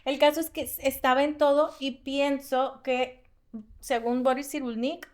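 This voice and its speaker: A woman with a Mexican accent, co-hosting a podcast and telling personal stories in a lively, fast-bursting way. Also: sits high. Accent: Mexican Spanish. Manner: animated storytelling, fast bursts, frequent laughs. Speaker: podcast co-host. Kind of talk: casual podcast conversation.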